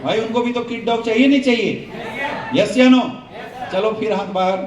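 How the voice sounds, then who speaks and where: In an echoey hall, a distant mic captures a man with a very high voice speaking at normal speed as he leads a motivational sales seminar. He quizzes the crowd through call-and-response questions, and the sound is lo-fi.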